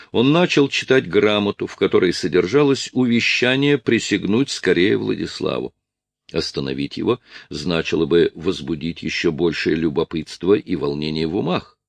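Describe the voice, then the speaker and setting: A man's voice: sits low, gravelly, no room sound, exaggerated voice. A man voicing a loyal deputy officer who explains things earnestly.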